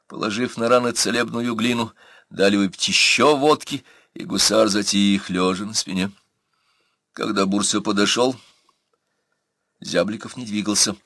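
A man reading an audiobook aloud, narrating steadily and acting out the characters' lines with a raised, louder voice. He reads into a close studio mic. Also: on the low side, dry recording.

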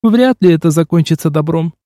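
A bold, sharp-tongued young woman, as a male audiobook reader plays her, speaks bluntly in a raised voice. Her tone stays mellow and lively. The sound is dry and close. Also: a little high, fairly quick, no room sound, pitched above the performer's own voice, natural voice. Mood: brash. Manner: blunt, brash. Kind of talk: audiobook character voice.

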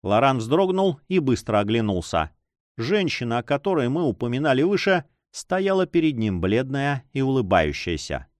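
A man narrating an adventure novel in an expressive, dramatic reading. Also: mid-range voice, normal speed, no room sound. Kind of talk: audiobook reading.

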